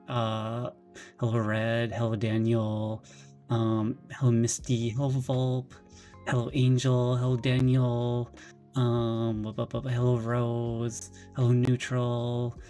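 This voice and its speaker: A man with a medium-pitched voice chats casually on a live stream from his bedroom. He rambles excitably, restarts often, and has a slightly nervous, jittery edge.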